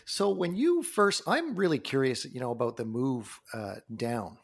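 A man's voice: mid-range voice, expressive, measured pace, vocal fry. A man hosting a podcast, asking curious, friendly questions in casual chat. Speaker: podcast host.

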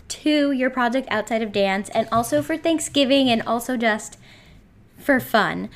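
Bubbly giggly woman host. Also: a little high. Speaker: podcast host. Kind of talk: casual video call chat.

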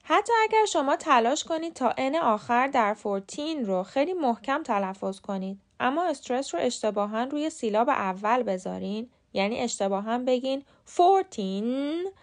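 A woman with a Persian accent, hosting a podcast and giving a scripted English lesson with clear, careful enunciation of example words. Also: a little high, lively intonation, few pauses. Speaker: podcast host and English teacher.

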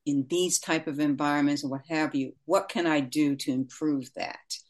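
A woman's voice: sits low, steady tone, normal speed. A woman hosting a podcast, asking questions and giving appreciative comments. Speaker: podcast host. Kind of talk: casual podcast interview.

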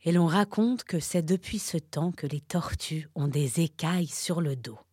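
A woman narrating a children's story in a slow, expressive way. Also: low voice, husky, dry recording, clean studio sound.

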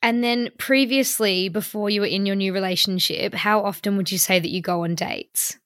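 A young woman with a British accent hosts an informal interview. Her voice sits at an average pitch, with a dry, close sound. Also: steady tone, moderate pace, a bit bright, dry recording. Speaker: host. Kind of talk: casual chat interview.

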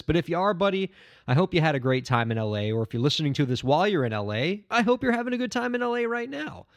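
A man's voice: medium pitch, no echo, clean studio sound. A man in his thirties hosting a podcast on his own, chatting casually and rambling in a self-mocking way. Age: 30s. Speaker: podcast host. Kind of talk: casual solo podcast talk.

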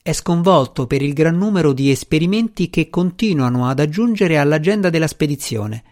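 A man's voice: fairly high pitch, expressive, moderate pace, a little mellow, lightly acted. A man voicing a frustrated, insistent male space official who speaks urgently and presses his point.

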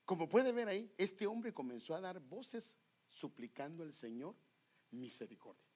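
A preacher delivers a sermon in a church with a husky, slightly breathy voice. The pitch leaps and falls constantly. Scripture scenes are acted out with loud cries and sudden hushed asides. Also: normal speed. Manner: animated, acts out the Bible figures' cries.

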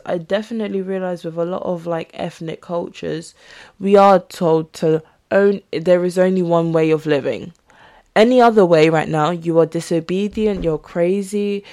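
A woman's voice: lowish voice, warm tone. A young woman hosting a podcast, talking candidly in a rambling, casual monologue and acting out the voices she quotes. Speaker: podcast host.

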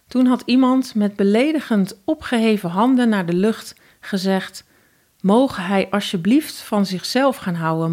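A woman with a Dutch accent narrating a fairy tale in a calm, even storytelling voice. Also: on the low side.

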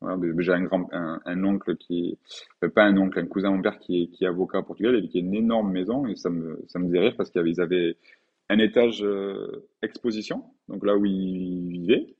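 A French painter in his forties speaks casually as an interview guest in a low, husky, steady voice at a brisk clip. He sounds thoughtful and hesitant, full of fillers and restarts, and the audio has a phone-like quality.

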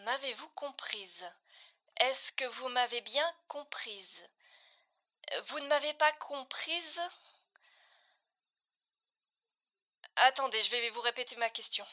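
A woman's voice: fairly high pitch, a little slow, bright, forceful tone. An actress playing an impatient woman who keeps repeating a question and grows exasperated, in a surreal comic dialogue. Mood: insistent. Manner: exasperated, sighing, increasingly irritated.

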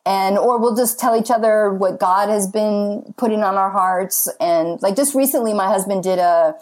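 A woman's voice: medium pitch, moderate pace, a little mellow. A woman in her fifties, a guest talking earnestly and chattily about faith and marriage, with many casual fillers. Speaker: podcast guest.

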